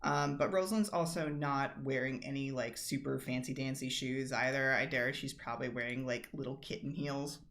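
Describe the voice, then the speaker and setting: A woman's voice: very deep voice, steady tone, normal speed, few pauses, a bit bright. A woman narrating as game master of a tabletop role-play in a casual, filler-heavy way.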